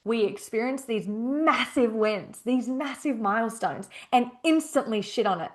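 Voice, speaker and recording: A young adult woman hosting a casual solo podcast as a coach, emphatic and expressive, repeating phrases and swearing freely. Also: on the high side, unhurried.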